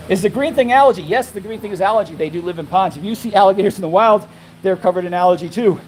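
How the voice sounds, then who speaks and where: A man's voice: high voice, quick pace, darkish tone, a little hiss or hum, low-quality recording. A man streaming live from an alligator farm on his phone, chatting casually, rambling and restarting his sentences, out of breath. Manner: rambling, repeats himself, restarts often. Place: outdoors at an animal farm.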